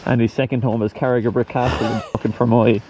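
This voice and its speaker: A man's voice: medium pitch, flat delivery, quick pace, darkish tone. An Irish man bantering casually outdoors in a wry, sweary way. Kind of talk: casual banter while walking. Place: outdoors on a woodland path. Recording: dull muffled audio, faint outdoor noise.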